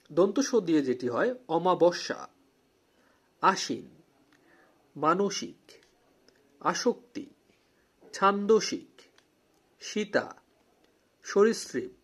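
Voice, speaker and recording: A man teaching a spelling lesson, reading word lists aloud slowly and repeating words for emphasis. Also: on the high side.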